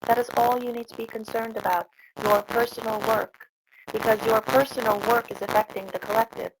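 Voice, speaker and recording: A woman trance channeling a serene, reassuring spirit guide like a seance medium, speaking in measured, halting, instructive phrases. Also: on the high side, fairly even intonation, creaky, background noise. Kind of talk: spiritual channeling session answering questions.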